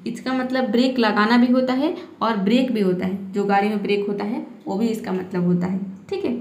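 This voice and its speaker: A woman's voice: a little high, darkish tone. A woman teaching English reading and spelling rules in Hindi, patiently repeating each point and checking with her viewers. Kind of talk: explaining spelling and pronunciation rules. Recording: echoey room.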